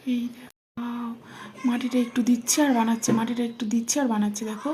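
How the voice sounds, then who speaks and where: A woman's voice: fairly high pitch, level tone, a little fast, dark tone, a little hiss or hum. A woman from India explaining a nature scene to her child in a patient, coaxing way, often dropping to a whisper. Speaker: vlogger watching a wasp build its nest with her child. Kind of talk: casual explaining chat, often hushed.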